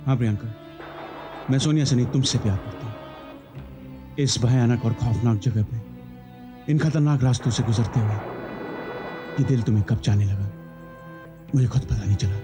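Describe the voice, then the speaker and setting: A man's voice: mid-range voice, normal speed, long pauses, natural voice. [name], a man playing a stammering bewildered young man. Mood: tender. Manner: stammering, agitated. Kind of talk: TV horror serial acting. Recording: dramatic background music.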